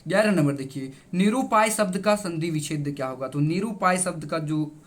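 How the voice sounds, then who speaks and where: A man's voice: fairly high pitch, normal speed, a bit bright. Emphatic male teacher. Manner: repeats each answer, keeps addressing the students; emphatic, reassuring. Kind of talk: exam answer-key explanation.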